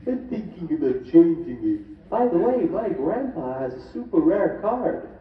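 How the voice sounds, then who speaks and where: A man puts on a high, bouncy cartoon boy voice, slow and sing-song with a goofy comic edge. It plays from a clip through speakers into an echoey hall, dull and distant. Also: big pitch swings.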